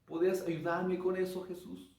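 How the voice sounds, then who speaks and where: Brief: humble blind beggar man pleading for help, played by a male preacher, high voice, roomy. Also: monotone, moderate pace, creaky, darkish tone. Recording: echoey room, mic from far off.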